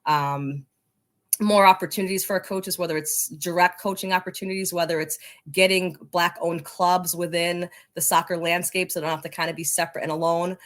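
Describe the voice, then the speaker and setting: Speaking as an interview guest, the leader of a coaches' association answers in a conversational, enthusiastic and encouraging way. She has a lowish voice, a steady tone and a slightly quick delivery.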